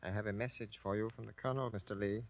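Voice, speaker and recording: An actor playing a guarded, courteous American-born Japanese army sergeant, speaking formally and carefully in grave 1940s radio drama style. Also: male voice, fairly low pitch, fairly even intonation, close to an everyday voice. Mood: guarded, polite. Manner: formal, careful, deliberate diction. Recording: dull old 1940s radio recording.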